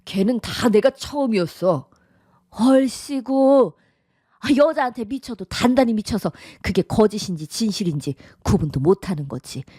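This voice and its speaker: A woman's voice: mid-range voice, lively intonation, moderate pace, few pauses, husky, no echo, studio quality. A synthetic voice of a middle-aged woman playing a domineering, contemptuous widowed mother who nags and scolds in a radio drama. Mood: scornful. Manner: nagging, sighing, sharp scolding. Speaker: disapproving mother-in-law.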